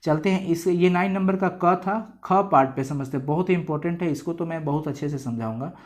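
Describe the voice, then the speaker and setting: A man's voice: on the high side, a little fast. A man with a Bihari Hindi accent, a teacher chattily explaining a chapter to students and mixing in English words. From India. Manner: chatty, mixes English words into Hindi, acts out quoted lines.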